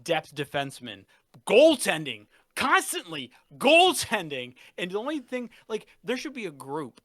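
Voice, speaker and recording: A man's voice: on the high side, sing-song, fairly quick, dry recording, clean studio sound. A young man co-hosting a casual sports podcast, ranting and swearing with fired-up energy. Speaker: podcast co-host.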